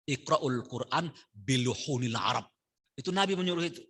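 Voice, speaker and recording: A man giving a midday sermon in a mosque. He chants verses in Arabic and explains them in a lively way, swinging from quiet asides to loud stresses. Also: mid-range voice, moderate pace, husky. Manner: lively, shifts from soft asides to loud emphasis; addresses listeners as "Pak". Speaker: preacher.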